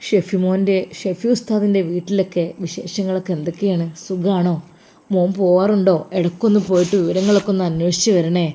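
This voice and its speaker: Woman voicing a hushed tender old religious teacher. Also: fairly low pitch, fairly even intonation, fairly quick, lightly acted. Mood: tender, blessing.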